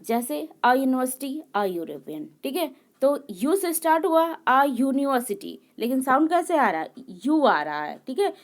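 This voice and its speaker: A woman teaching an English grammar lesson. She reads each rule slowly, then explains it again and again, checking in with her listeners as she goes. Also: high voice, sing-song. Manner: explains slowly, repeats words and checks in with "okay".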